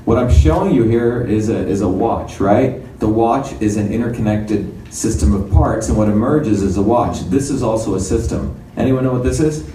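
Man in his fifties, from India, lecturing with slides, low mellow voice, distant mic, faint background hiss. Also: normal speed, hardly any pauses. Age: 50s. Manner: explanatory, conversational lecturing. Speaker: company chairman giving a conference talk. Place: conference room. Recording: roomy hall, far from mic, faint noise.

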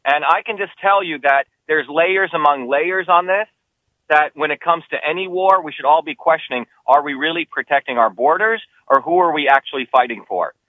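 A man from New Jersey makes his case as a political candidate, pressing each point emphatically, his voice a bit high. The sound is thin and tinny, like a phone line, with no room echo. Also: fairly quick. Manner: emphatic, insistent, rising pitch when heated. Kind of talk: campaign interview answers.

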